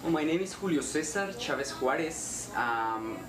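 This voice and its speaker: A man's voice: on the high side, lively intonation, moderate pace, a crowd in the background. A twenty-one-year-old man giving a reflective documentary interview, often searching for his words. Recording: roomy, distant and noisy.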